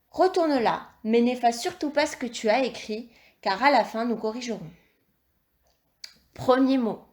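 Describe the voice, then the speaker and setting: A woman teacher giving a dictation lesson to young children, speaking slowly and articulating each syllable with encouraging instructions. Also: on the high side. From France. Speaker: primary school teacher.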